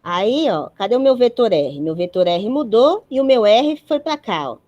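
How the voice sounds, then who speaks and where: A woman's voice: a little high, expressive, moderate pace, warm tone, dull audio. A woman giving a university physics lecture, explaining step by step and checking in with her students.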